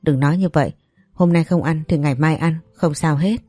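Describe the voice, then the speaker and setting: A woman voicing a gentle, caring young man in a storybook, soft and soothing. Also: deep voice, brisk, no room sound, soft background music.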